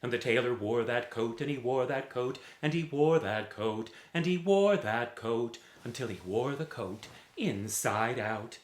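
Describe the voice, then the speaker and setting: In an echoey room, a man performs a folk tale, stretching out its repeated phrases with dramatic rhythm. He's a theatrical storyteller, and his voice sits at a medium pitch.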